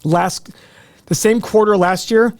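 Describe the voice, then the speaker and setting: Speaking slowly in a steady, high, somewhat mellow voice, a finance show host runs live stock earnings commentary. He keeps it conversational and addresses viewers directly as he explains.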